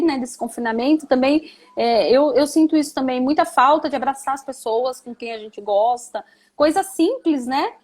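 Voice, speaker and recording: High female voice, conversational live-stream guest, reflective, tags sentences with questions.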